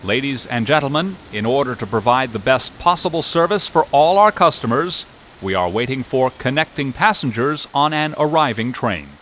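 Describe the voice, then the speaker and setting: A man giving formal, measured recorded transit service announcements. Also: mid-range voice, animated, a bit bright. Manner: formal, measured public-address delivery. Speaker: train announcer. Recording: noisy recording inside a train. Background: train vehicle noise.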